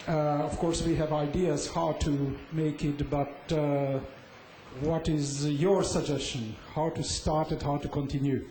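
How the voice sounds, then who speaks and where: A man from Hungary in the audience, asking a question haltingly with many pauses and fillers. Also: fairly high pitch, little pitch movement, mellow, a little hiss or hum. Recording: echoey conference hall.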